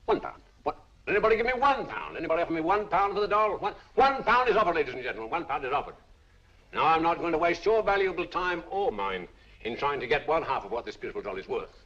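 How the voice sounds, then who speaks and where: A man's voice: a little high, sing-song, fast talker, a bit bright. An actor playing a persuasive male auctioneer with a showy sales patter. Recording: dull old film soundtrack.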